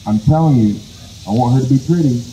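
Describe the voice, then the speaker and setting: A man's voice: medium pitch, brisk, warm tone, roomy sound, a little hiss or hum, close to an everyday voice, low-quality recording. A man voicing a sore-backed, gullible male possum in a told folk tale, whiny and pleading.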